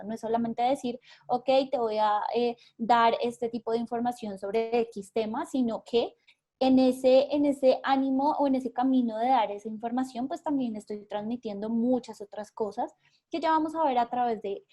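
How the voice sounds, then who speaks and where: High-voiced Colombian woman teaching online. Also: mellow. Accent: Colombian Spanish. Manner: explanatory, many fillers and repeated words. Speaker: workshop facilitator. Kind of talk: live online workshop. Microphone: video call.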